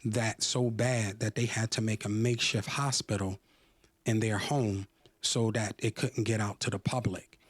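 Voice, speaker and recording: Male interview guest, low voice, measured gossipy storyteller, dry recording. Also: steady tone, husky, no echo. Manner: measured, gossipy retelling with fillers. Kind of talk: conversational storytelling.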